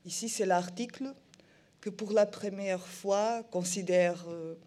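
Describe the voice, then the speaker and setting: A woman reads a formal lecture in a soft-toned, relaxed voice. Her French carries a foreign Portuguese accent and moves slowly, with stumbles on longer words. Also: mid-range voice. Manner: halting, non-native French with stumbles on words. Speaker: museum programme director giving a lecture. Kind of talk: prepared lecture, read aloud.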